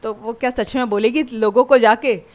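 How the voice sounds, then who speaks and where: A woman's voice: on the high side, steady tone, normal speed. A woman maths teacher giving a chatty classroom lecture that mixes Hindi and English and keeps checking in with her students.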